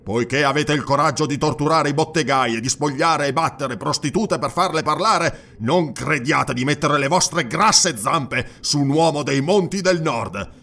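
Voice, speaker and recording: A man voicing a defiant barbarian warrior who speaks gruffly in an audiobook. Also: on the high side, moderate pace, hardly any pauses, bright, forceful tone, pitched above the performer's own voice, full character voice. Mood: threatening.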